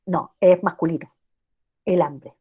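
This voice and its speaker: A woman with a lowish, slightly rough voice speaks slowly and fairly evenly, the audio narrow and tinny, as she teaches an online language class in a Chilean accent. She lays things out step by step and often checks in with her students via rhetorical questions.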